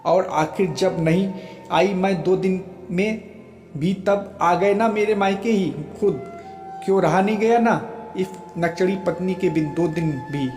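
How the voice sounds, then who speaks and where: An affectionate, hot-tempered young wife in a spoken storybook, as a male narrator reads her lines. The voice sits fairly high and moves slowly, with a roomy echo. Soft music plays underneath. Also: lightly acted. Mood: teasing. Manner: emotional, pleading then playfully scolding. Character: young wife, loving, teasing, quick to anger.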